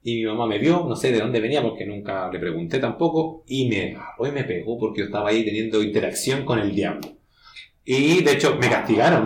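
Chilean man, mid-pitch, casual slangy storyteller, echoey room. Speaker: guest, horror writer. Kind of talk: casual podcast conversation.

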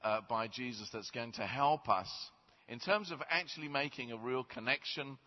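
A man's voice: mid-range voice, moderate pace. A man preaching a sermon in a large church on a headset mic, chatty and self-deprecating. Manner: self-deprecating, conversational storyteller. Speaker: guest preacher. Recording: roomy church reverb, slightly dull.

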